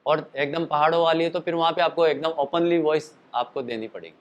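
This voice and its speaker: In a muffled recording, a man who teaches singing explains things in a loose, chatty lesson at a fairly quick pace with fairly even intonation. His voice is slightly high and his throat tired from a show the previous night. He periodically demonstrates calls and sung notes.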